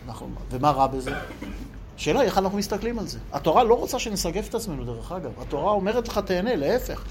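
A man giving an animated Torah lecture, asking rhetorical questions and acting out quoted voices for his listeners. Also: sits high, a little hiss or hum. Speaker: religious teacher.

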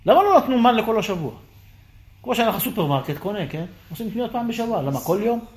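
A man teaching a lively Torah class, firing rhetorical questions and acting out the dialogue. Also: sits high.

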